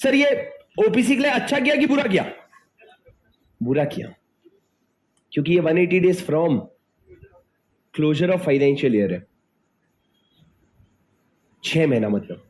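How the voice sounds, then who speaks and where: A man's voice: a little high, sing-song, slow, pauses often, a little mellow. A male teacher giving an exam-prep lecture, mixing Hindi and English, who keeps quizzing his students and then answering himself.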